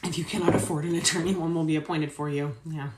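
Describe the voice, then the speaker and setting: Reading a court transcript for dramatic effect, this female host adds casual, sardonic asides and swears freely. Her low voice stays steady and moves at a quick pace. The recording is very noisy with a roomy echo.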